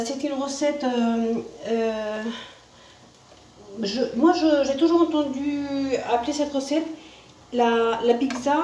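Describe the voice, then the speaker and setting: A woman's voice: on the high side, mellow. A woman with a Spanish accent hosting a casual home cooking demonstration, chatting as she cooks and often adding "hein" and "voilà". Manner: chatty, repeats "hein" and "voilà", restarts words. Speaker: home cooking video host. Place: home kitchen with a sizzling pan. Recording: roomy distant kitchen sound, faint noise.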